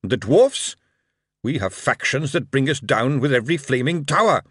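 Brief: male narrator as a booming dwarf king, raised pitch, loud, indignant, animated. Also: moderate pace, breathy edge, no room sound, clean studio sound. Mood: furious. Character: furious male dwarf king, commanding and righteous.

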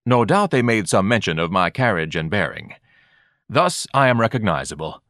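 A haughty, fussy hot-dog vendor, put on by a male narrator speaks in lofty, pompous sentences. The delivery swings up and down with animated pitch and sits a little louder than the narration. The sound is dry and close. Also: normal speed, no echo. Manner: grandiloquent, lofty and disdainful.

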